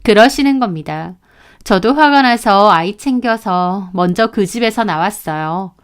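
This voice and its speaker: A woman's voice: mid-range voice, animated, unhurried, clean tone. A woman narrating a first-person family story in an indignant, confiding manner.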